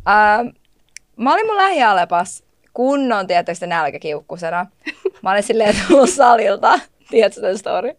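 A woman with a Finnish accent hosting a podcast in casual chat, telling stories in a lively, laughing way and swearing freely. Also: medium pitch, no echo, clean studio sound. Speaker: podcast host.

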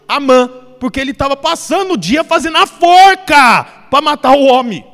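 A man's voice: very high voice, lively intonation, moderate pace. A man preaching a sermon, retelling a story animatedly and acting out the characters. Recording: long reverb, soft music behind.

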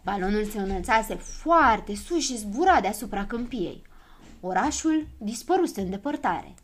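A woman narrating a children's storybook in an expressive, lively way. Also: mid-range voice.

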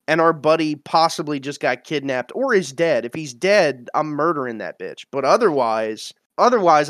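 A man playing a tabletop role-play game, talking bluntly and excitably about what his character would do. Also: a little high, no room sound, studio quality. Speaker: player.

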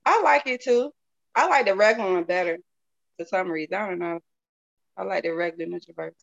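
A woman's voice: fairly low pitch, fairly quick, creaky. A woman from the southern United States with a Southern accent, chatting casually and candidly in a folksy way, repeating phrases for emphasis. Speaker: interview guest, product seller. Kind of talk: casual testimonial chat. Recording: dull lo-fi audio.

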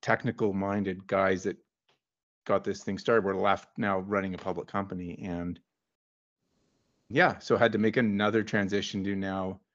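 Male guest, lowish voice, relaxed and wry, lo-fi call audio. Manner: relaxed and wry, with frequent fillers. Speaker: guest geologist consultant. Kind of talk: casual interview storytelling.

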